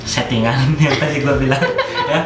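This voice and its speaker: A relaxed young man, joking and laughing as an interview guest. The room rings with strong echo, and clear music plays underneath. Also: medium pitch, moderate pace. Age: late 20s. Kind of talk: casual interview chat. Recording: roomy echo with background music.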